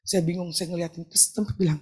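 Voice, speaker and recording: A middle-aged woman pastor from Indonesia preaching a lively, joking sermon with a personal testimony, often asking the crowd to answer back. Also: on the low side, quick pace, slightly rough. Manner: chatty, joking, asks the crowd for replies; acts out quoted talk in shifting voices. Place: church hall.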